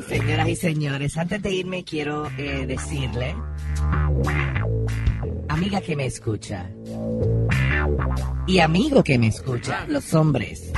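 A man voicing a flamboyant, gossipy female radio advice host with a theatrical, sing-song delivery that slips into English phrases. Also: on the high side. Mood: preachy. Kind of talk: comedic radio sketch.

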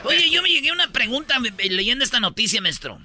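Bright, lively Mexican man hosting a comedy radio show. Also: very high-pitched, quick pace. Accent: Mexican Spanish. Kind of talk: joking radio banter.

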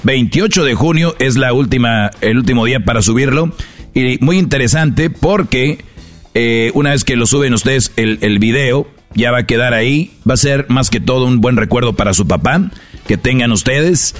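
A man's voice: mid-range voice, moderate pace. Co-host guy, medium voice, chill and teasing, explains stuff plainly, faint music under. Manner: laid-back, teasing, explains rules plainly. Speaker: radio co-host. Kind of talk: joking radio banter.

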